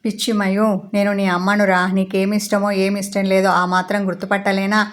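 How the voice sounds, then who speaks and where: A woman's voice: mid-range voice, flat delivery, moderate pace, close to an everyday voice. Woman voicing a tender, teasing mother. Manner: gentle, coaxing. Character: affectionate, teasing middle-aged mother.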